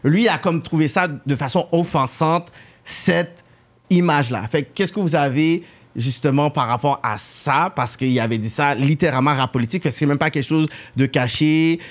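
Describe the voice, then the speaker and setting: Animated male host. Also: on the high side, moderate pace. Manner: animated storyteller mixing English slang. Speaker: podcast host. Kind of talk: casual chat.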